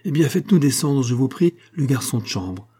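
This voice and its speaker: A man voicing a jovial, theatrical male opera singer who speaks in a lively, expansive and commanding way. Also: mid-range voice, brisk, husky, voice pushed up.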